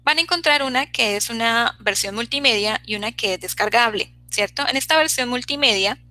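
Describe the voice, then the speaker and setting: Bright-voiced woman teaching online. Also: on the high side, brisk, poor audio. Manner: checks in constantly with "¿cierto?" and "¿sí?". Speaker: English teacher. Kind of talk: online class lesson.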